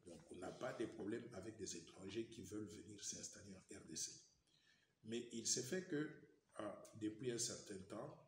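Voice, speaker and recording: A man's voice: on the low side, moderate pace. A middle-aged man with a Congolese French accent, a politician answering interview questions in a formal, methodical way. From Democratic Republic of the Congo. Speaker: politician guest. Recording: echoey room with faint noise.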